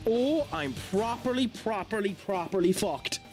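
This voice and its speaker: A man's voice: high-pitched, lively intonation, a little slow, darkish tone, faint music behind. An Irish man streaming a game, chatting in an easygoing way and reading out chat. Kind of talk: casual live-stream chat.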